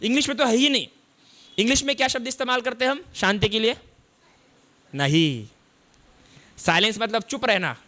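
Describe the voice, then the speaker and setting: High, bright-voiced man giving a sermon. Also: normal speed, long pauses. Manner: asks the audience questions and answers them; explains word meanings step by step. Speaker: Buddhist monk.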